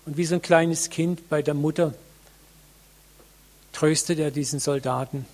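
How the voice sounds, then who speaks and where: A man preaching a sermon to a congregation, earnest and reflective, with many pauses, addressing listeners directly. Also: fairly high pitch, steady tone.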